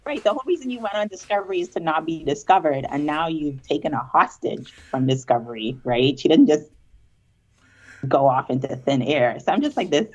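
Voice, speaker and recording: A woman's voice: deep voice, animated, brisk, darkish tone. A woman from the Bahamas co-hosting a casual review chat, wry and chatty. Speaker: show co-host. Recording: dull lo-fi remote mic.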